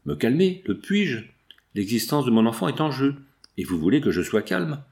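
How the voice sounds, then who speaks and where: A man's voice: medium pitch, animated, a little fast, gravelly, darkish tone. Man reading as a pleading rich father. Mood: desperate. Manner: pleading, then harsh and insistent. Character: anguished wealthy father, older industrialist, pleading.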